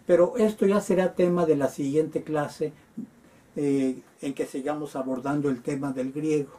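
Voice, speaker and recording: A man lecturing on Greek grammar, patiently spelling out word forms with frequent hesitant pauses. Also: fairly high pitch, fairly even intonation, warm tone. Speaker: Greek teacher.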